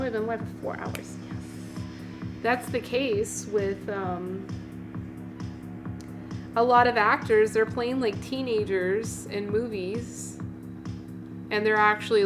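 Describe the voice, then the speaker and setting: Here a late-thirties livestream host speaks slowly and pauses often, with clear music in the background. Her voice is of typical female pitch, and she chats in a loose, rambling manner, answering viewers with plenty of "like" and exclamations.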